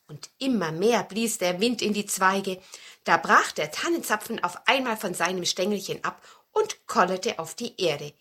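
A woman reading a children's fairy tale aloud in an expressive storytelling manner. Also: medium pitch, husky.

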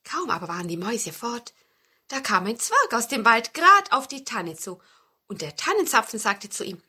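A woman reading a children's fairy tale aloud in an expressive storytelling manner. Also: fairly high pitch, normal speed, husky.

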